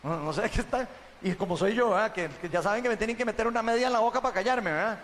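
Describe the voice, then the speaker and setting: Un hombre con acento costarricense da su testimonio ante una congregación, contándolo de forma animada y conversada, con muletillas frecuentes. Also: male voice, high voice, racing, long reverb tail, a little hiss or hum. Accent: Costa Rican. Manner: chatty, animated storytelling, tags sentences with "¿verdad?". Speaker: church member giving testimony.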